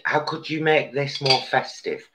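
An older man co-hosts a live cooking stream from his home kitchen, trading dry, teasing banter as the cook. His mid-range voice is unhurried, with background noise.

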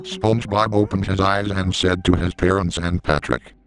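A man giving scripted horror story narration in a steady, measured way, recorded on a close mic. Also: low-pitched, clean tone, poor audio.

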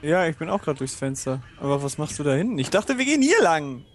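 A man's voice: on the high side, sing-song, quick pace. A young man talking in casual slang while playing a co-op video game with a friend. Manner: slangy, colloquial. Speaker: Let's Play co-host. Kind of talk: casual co-op gaming chat. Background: video game ambience.

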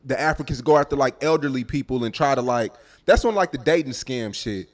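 A man's voice: mid-range voice, expressive, a little fast. A young adult man interviewing casually, asking probing questions with many fillers.

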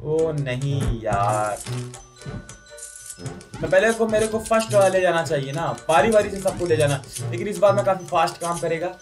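A man giving jokey, excitable commentary over a mobile adventure game, yelping and protesting whenever his character dies. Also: high-pitched, quick pace, hardly any pauses, music in the background. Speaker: gaming YouTuber. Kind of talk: Hindi gameplay commentary.

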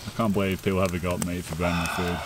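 A man's voice: sits low, little pitch movement, rapid-fire. Chatty Australian man outdoors in snow. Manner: laughs often, chatty, teasing banter. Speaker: outdoor vlogger. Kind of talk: casual camping vlog. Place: snowy bush campsite outdoors. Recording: noisy outdoor camera audio.

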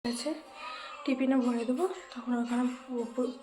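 A woman's voice: high-pitched, little pitch movement, normal speed, warm tone, a little hiss or hum, poor audio. A woman, chatting casually to her viewers as a home vlogger. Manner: chatty, talks straight to viewers as friends. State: hoarse from a cold. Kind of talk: casual home vlog chat. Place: home indoors.

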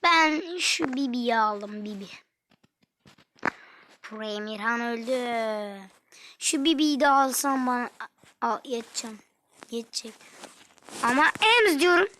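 A young woman commenting on her own gameplay, dropping to whispers and then shouting in frustration. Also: fairly high pitch, slow, long pauses, a little hiss or hum. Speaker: gaming streamer.

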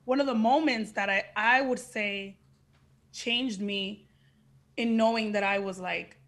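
In a steady, fairly bright mid-range voice, a little slow, a young woman of Dominican heritage speaks Dominican Spanish-tinged English. She is an actress guest in a casual podcast interview over video call, frank and emphatic with the odd swear word, filmed indoors against a plain backdrop.

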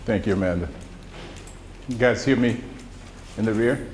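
An older man with a low voice and a central Mississippi accent, a retired pharmacology professor appearing as a guest lecturer, gives a folksy, informal public lecture full of personal recollections at normal speed. He talks into a podium microphone before a seated audience in an indoor lecture room. The live hall adds roomy echo and some background noise.

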